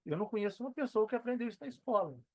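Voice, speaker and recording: Racing along with lively intonation, the man's high-pitched voice comes across a little mellow on a dry recording. He is a Brazilian podcast guest and digital entrepreneur, talking casually and with slang, earnestly stressing his points by saying phrases again.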